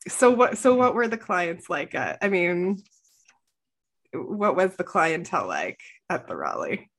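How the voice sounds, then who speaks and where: A woman conducts an oral history interview. Her voice rises and falls in a lively, animated way as she prompts her guest with short, encouraging questions. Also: on the low side, unhurried.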